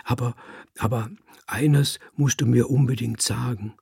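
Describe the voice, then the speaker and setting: A man reading aloud voices a naive young tomcat brother who asks earnest, eager questions, in a gravelly, husky voice. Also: mid-range voice, steady tone, measured pace, darkish tone, dry recording, studio quality, heavily acted.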